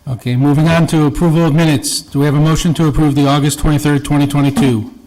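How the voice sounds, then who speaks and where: A man serving as board chair, moving briskly and in a businesslike way through meeting procedure. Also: on the high side, fairly even intonation, darkish tone, rough recording. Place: town hall council chambers.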